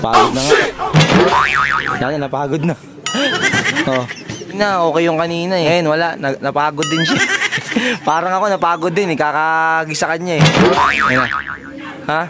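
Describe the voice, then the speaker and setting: A man's voice: fairly high pitch, moderate pace, long pauses. Breathless man in noisy outdoor vlog. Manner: excited running commentary with frequent laughs. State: sweaty and out of breath. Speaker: pigeon fancier vlogger. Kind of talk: casual vlog commentary. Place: outdoors at a backyard pigeon loft.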